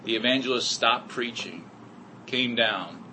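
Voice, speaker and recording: A man's voice: mid-range voice, unhurried, background noise. A middle-aged man giving an earnest personal testimony to a congregation, with many "you know" fillers. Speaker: speaker sharing testimony.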